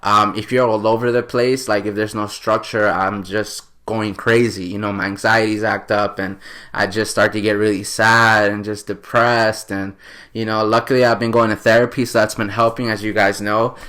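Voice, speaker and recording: A man's voice: lowish voice, level tone, moderate pace, a bit bright. A man in his late twenties from New York, hosting a podcast in a casual, earnest, rambling way with many fillers. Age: 20s. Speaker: podcast host.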